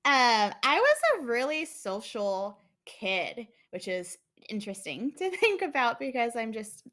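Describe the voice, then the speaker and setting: A woman's voice: a little high, sing-song, a little slow, fairly bright tone. A young woman from the United States, a guest in a casual interview, who talks in a chatty way with many fillers and frequent laughs.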